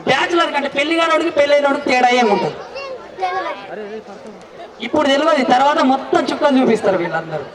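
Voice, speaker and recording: A man's voice: very high voice, lively intonation, quick pace, long pauses. A man working as emcee at a wedding celebration, bantering and playfully teasing the guests to draw answers and applause. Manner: teasing, playful, coaxing the crowd. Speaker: event emcee. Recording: echoey, distant mic with crowd noise. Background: crowd.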